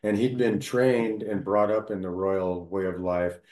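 Male storyteller, very low pitch, halting casual delivery, echoey room. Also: darkish tone. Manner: storytelling, halting with many fillers and restarts. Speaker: local history storyteller. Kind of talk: casual conversation.

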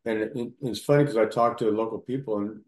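A man in casual conversation, telling local history at length, halting often with fillers and restarts. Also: on the low side, fairly even intonation, darkish tone, roomy sound.

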